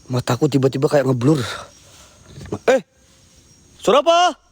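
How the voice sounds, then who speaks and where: A man's voice: fairly high pitch, wildly swooping pitch, measured pace, husky. A man hosting a night ghost-hunting vlog outdoors, nervously addressing viewers and repeating himself. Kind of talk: excited live night exploration commentary. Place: outdoors at night in a rural area.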